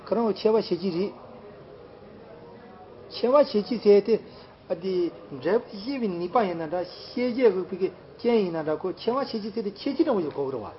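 A man with a high-pitched voice talks casually, circling back over the same phrases with many fillers. The sound is dull and lo-fi, like an old home recording. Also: expressive, fairly quick. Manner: rambling, repetitive, many fillers. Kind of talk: casual chat.

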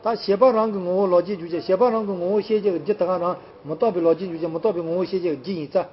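A man with a high-pitched voice talks casually, circling back over the same phrases with many fillers. The sound is dull and lo-fi, like an old home recording. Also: fairly even intonation, quick pace. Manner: rambling, repetitive, many fillers. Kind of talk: casual chat.

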